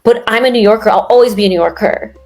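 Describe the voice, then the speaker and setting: A woman's voice: fairly high pitch, fast, a little mellow, soft background music. Chatty young woman from New York. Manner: rambling, many fillers and restarts. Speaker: guest. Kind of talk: casual interview chat.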